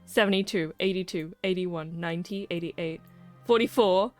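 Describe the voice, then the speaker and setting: A young woman streamer gives casual live commentary on her gameplay, joking around with playful, mock-dramatic asides. Her voice sits on the low side and moves at a normal pace. Game music plays in the background, ranging from faint to clear.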